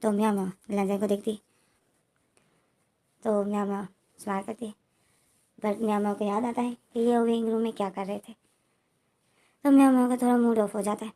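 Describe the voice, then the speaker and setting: A woman's voice: medium pitch, little pitch movement, a little fast, long pauses, mellow. A woman casually retelling a story, rambling along with many linking words and fillers.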